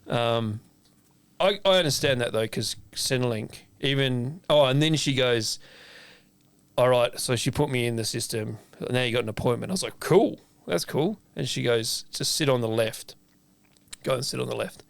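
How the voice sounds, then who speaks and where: A man's voice: medium pitch, normal speed, vocal fry, clear, resonant tone, no echo. An Australian man, a chef and podcast co-host, chatting casually and animatedly acting out both sides of a conversation, with frequent swearing. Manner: swears freely. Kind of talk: casual chat.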